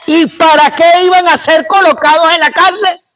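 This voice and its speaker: A man's voice: very high-pitched, steady tone, normal speed, crowd noise. A man preaching a sermon, emphatic and repetitive, calling out questions to the congregation. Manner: emphatic, repeats lines, asks the congregation "¿aló?".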